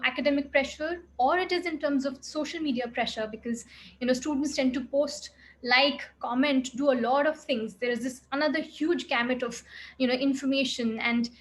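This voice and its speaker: A woman, a clinical psychologist giving an earnest, reflective expert talk with frequent "you know" fillers. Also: sits high. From India.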